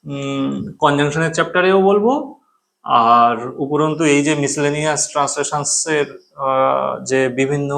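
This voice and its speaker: A male grammar teacher whose first language is Bengali and whose voice sits a little high. He explains step by step, repeating key terms and checking that the class is following. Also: fairly bright tone.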